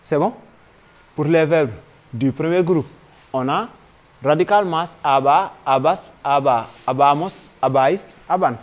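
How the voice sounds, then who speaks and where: A man's voice: fairly high pitch, unhurried. A man with a Senegalese French accent teaching a grammar lesson, patiently spelling out verb forms one by one.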